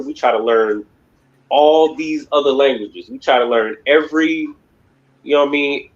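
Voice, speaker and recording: On a muffled recording, a man with a mid-range voice leads a religious class. His lecture is emphatic and meandering, and "you know what I mean" comes up again and again among his fillers.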